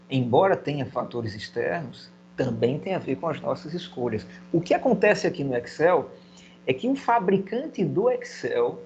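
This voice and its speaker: A man's voice: a little high, creaky, darkish tone, highs cut off, a little hiss or hum. A man teaching a recorded video lesson, explaining step by step and putting questions to himself in his students' voice. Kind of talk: video lecture.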